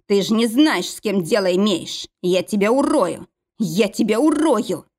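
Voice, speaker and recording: A woman voicing a hulking young male thug who growls slow, menacing threats. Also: medium pitch, expressive, darkish tone.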